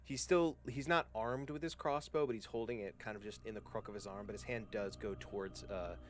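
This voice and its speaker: Low-voiced laid-back game master man. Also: slight background noise. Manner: relaxed, halting, lots of fillers. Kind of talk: narrating a tabletop game.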